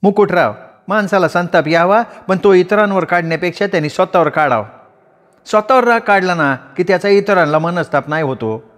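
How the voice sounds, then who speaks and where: Man doing a young village woman, high-pitched, sharp-tongued, reproachful, storybook reading. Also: a little fast, big-room sound, natural voice. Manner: pleading, reproachful.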